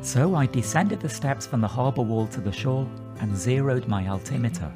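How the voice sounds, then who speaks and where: With a medium-pitched, animated voice at a normal speed, this forties-aged video presenter explains his topic conversationally and methodically. Music plays in the background, along with clear outdoor and car noise as he shifts between outside and a moving car.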